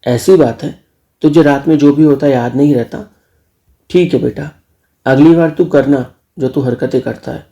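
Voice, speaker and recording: A man's voice: medium pitch, moderate pace, gravelly, mellow, muffled recording, lightly acted. A man voicing a bossy, teasing middle-aged uncle in a spoken story. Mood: scolding. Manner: teasing, scolding.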